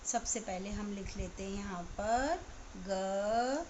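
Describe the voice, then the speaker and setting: A woman teacher giving an online class to young children, spelling words out slowly sound by sound. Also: medium pitch, a little mellow, slight background noise. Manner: slow, sound-by-sound spelling aloud. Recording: slightly dull, lo-fi recording.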